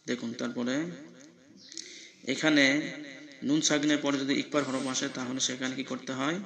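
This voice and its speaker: A man's voice: mid-range voice, flat delivery, moderate pace, gravelly, a bit bright. A man teaching Quran recitation, spelling each word letter by letter with patient repetition and breaking into chanted recitation.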